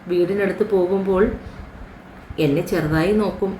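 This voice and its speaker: A woman's voice: lowish voice, steady tone, normal speed, dark tone, slight background noise, lightly acted. A woman voicing a chatty young female friend with a playful, confiding manner, recorded in a roomy room. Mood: teasing.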